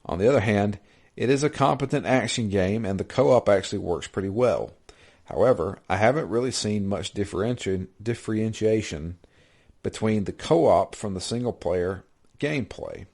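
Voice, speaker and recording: A man's voice: lowish voice, normal speed, darkish tone. A man co-hosting a gaming podcast in casual chat, rambling and correcting himself as he reads an email and gives his take. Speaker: podcast co-host.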